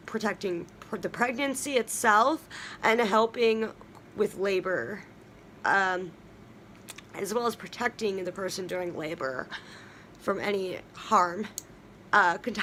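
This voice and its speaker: A woman's voice: mid-range voice, bright, forceful tone, slight background noise. A young woman hosting a casual talk on herbs, chatty and full of ums and restarts as she works down a list. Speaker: witchcraft video host.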